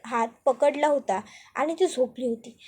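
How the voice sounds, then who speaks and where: A woman narrating an episode recap in a steady storytelling way. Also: high voice, a little slow, breathy edge.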